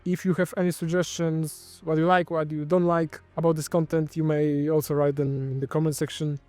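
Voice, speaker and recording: Speaking briskly and with a flat delivery, a slightly high-voiced man from Poland hosts his own channel. His Polish-accented commentary is wry and loose, tripping and self-correcting as he goes, in a darkish tone over soft background music on a dry recording.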